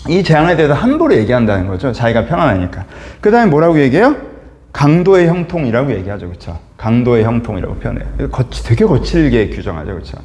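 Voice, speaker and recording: A pastor from Korea teaching a Bible chapter in a conversational way, often asking listeners for agreement with tag questions. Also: male voice, medium pitch, fast. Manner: acts out quoted speech with lively shifts.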